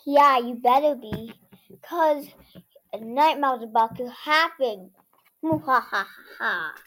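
A child playing a gloating villain with slow, theatrical menace in a pretend-play story. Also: high voice, pushed and bright, voice pushed down, exaggerated voice, poor audio.

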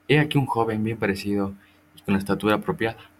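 Smooth-talking army recruiter guy, flattering, lowish voice, man reading him in a story. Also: fast talker, slight background noise, close to an everyday voice. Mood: persuasive.

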